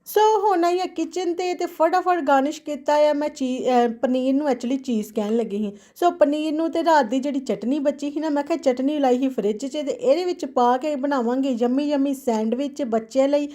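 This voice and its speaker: A woman's voice: high-pitched, moderate pace, few pauses, warm tone. A woman with a Punjabi accent chatting casually for a home vlog, chirpy and exclaiming, dropping English phrases into her talk. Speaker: daily vlogger.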